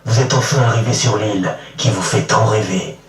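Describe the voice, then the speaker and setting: A man's voice: on the low side, normal speed, natural voice. A male actor playing a solemn, mysterious temple oracle in a board game recording, speaking in a portentous, prophetic trance-like manner. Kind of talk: scripted board game CD narration. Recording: very echoey, distant, music behind. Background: clear music.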